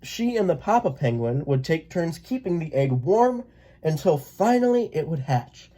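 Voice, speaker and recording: A person reading a children's picture book aloud in a gentle, expressive way. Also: medium pitch, normal speed. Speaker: read-aloud storyteller.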